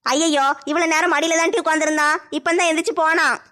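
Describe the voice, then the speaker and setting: A woman's voice: very high voice, flat delivery, sharp tone, voice pushed down. A woman voicing a bossy, scolding older mother-in-law in a comedy skit. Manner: brisk, scolding.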